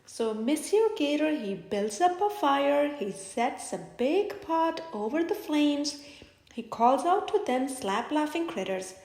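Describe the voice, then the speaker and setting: A woman reading a bedtime story aloud in an animated, dramatic way. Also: high voice, slow. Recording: echoey room.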